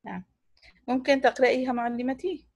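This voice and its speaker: A woman student slowly reciting Quran verses and checking her reading with her teacher. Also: sits high, fairly even intonation, a little mellow, no echo. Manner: recites slowly, asks for confirmation. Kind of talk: reciting Quran and asking questions.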